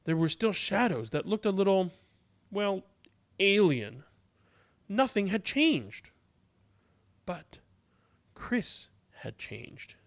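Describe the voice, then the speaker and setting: A man's high voice carries a children's tale read aloud with flair and drama, his words slowly and intentionally elongated.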